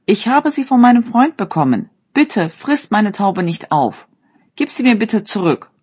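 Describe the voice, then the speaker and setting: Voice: mid-range voice, big pitch swings, unhurried, darkish tone, breathy edge. A storyteller voicing an earnest young man in a read-aloud fairy tale, pleading in a raised voice.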